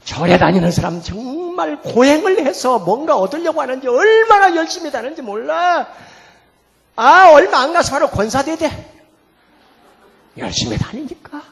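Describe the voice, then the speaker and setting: A middle-aged man preaching as a pastor, telling a family story in a lively sermon that swings from hushed to loud. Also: very high voice, moderate pace, gravelly. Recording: long hall reverb, faint music behind.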